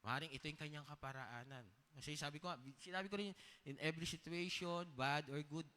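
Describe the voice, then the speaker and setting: A pastor preaches a sermon in a church hall, his voice fairly high, brisk, bright and forceful. He shares personal stories conversationally and often checks in with the congregation through short questions, with the hall's long reverb on the recording.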